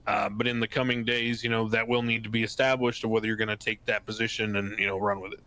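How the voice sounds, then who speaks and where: A man playing a diplomatic official in game role-play, making a formal announcement in a measured, hesitant manner. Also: lowish voice, little pitch movement, pushed and bright, rough recording.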